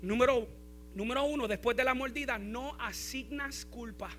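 A man's voice: very high-pitched, moderate pace, a bit bright, slight background noise. A male pastor preaching a sermon, repeating key phrases and building in intensity.

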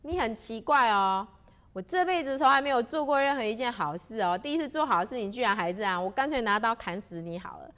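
Storytelling: woman voicing a rough male robber, indignant and loud. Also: a little high, animated, fairly quick, voice pushed up.

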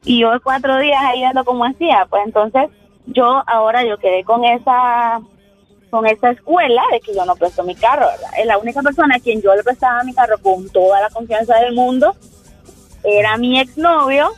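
Woman calling in to the radio, fairly high voice, telling her story, soft music behind. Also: normal speed, dry recording, poor audio. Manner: chatty, recounts her own experience. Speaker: caller. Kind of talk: casual chat on a phone-in.

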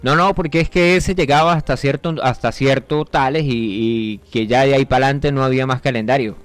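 A man's voice: mid-range voice, fairly even intonation, brisk. A man hosting a comedic radio show, telling anecdotes and acting out voices. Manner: joking, acts out voices in anecdotes.

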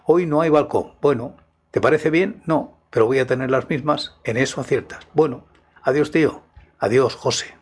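A man voicing a testy, pedantic man who bickers with his own reflection in a comic scripted dialogue, in a husky voice. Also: medium pitch, moderate pace, lightly acted. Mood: exasperated.

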